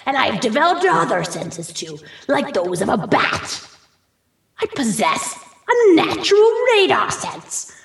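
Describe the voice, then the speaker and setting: A woman's voice: high-pitched, gravelly, fairly bright tone, full character voice. A woman playing a megalomaniac underground supervillain in a hammy amateur radio play, grandiose, gloating and theatrical. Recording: roomy echo, distant from mic.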